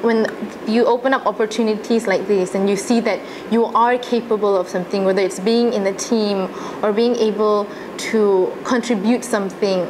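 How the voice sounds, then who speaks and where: A woman's voice: medium pitch, fairly even intonation, moderate pace, hardly any pauses. A young adult woman with a Malaysian accent recalling her experiences in a casual interview, earnest and chatty. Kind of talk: casual interview, personal recollection. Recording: noticeable background noise and ambience.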